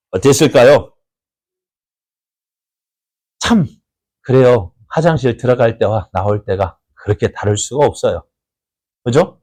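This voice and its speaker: A church pastor delivers a sermon, posing questions to the congregation and then answering them himself. When quoting others, he acts out their voices with abrupt leaps in pitch and volume.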